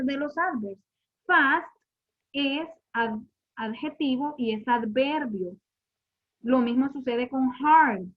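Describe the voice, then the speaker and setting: A woman with a high, bright-pitched voice leads a classroom lesson, walking her students patiently through each point. She repeats her questions and quizzes the class as she goes. The recording sounds muffled and lo-fi. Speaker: English teacher.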